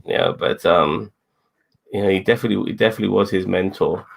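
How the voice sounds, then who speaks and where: A fairly low-pitched man with lots of vocal fry co-hosts a casual wrestling review chat, talking fast. He rambles, repeats phrases, and swears along the way.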